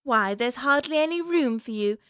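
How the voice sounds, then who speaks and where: A woman's voice: high voice, expressive, moderate pace, fairly bright tone, clean tone, no room sound, studio quality. A woman playing Alice, a curious young girl chattering away to herself in a prim, wondering way, for a full-cast audiobook. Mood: musing.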